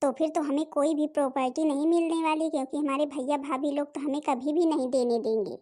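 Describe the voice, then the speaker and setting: High-voiced woman voicing a cartoon family. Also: fairly even intonation, brisk, warm tone. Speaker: narrator voicing all family figures. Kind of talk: cartoon family drama, one woman voicing every role.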